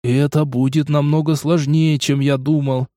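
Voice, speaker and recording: A man's voice: fairly high pitch, level tone, normal speed, mellow, no room sound, studio quality, close to an everyday voice. A man playing an impatient, exasperated young game player in a storybook reading. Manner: blunt, exasperated questioning.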